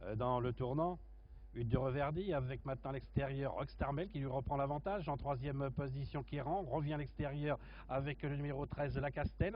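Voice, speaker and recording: A man giving live horse racing commentary, haltingly listing the runners in order. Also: mid-range voice. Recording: muffled, noisy racecourse commentary feed.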